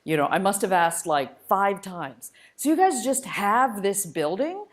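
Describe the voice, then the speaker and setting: A woman with a medium-pitched, sing-song, unhurried voice gives an informal public lecture as a guest speaker. She is a spacecraft engineer, born in India, with ties to the United States and Malaysia, and she shares personal stories in a conversational, enthusiastic, emphatic way.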